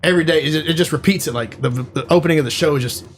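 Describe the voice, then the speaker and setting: A man's voice: a little high, rapid-fire, faint music behind. A man hosting a casual podcast chat, retelling a film plot in a rambling way, full of fillers, acting out quotes. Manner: rambling, filler-heavy storytelling, acts out quotes. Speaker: podcast host.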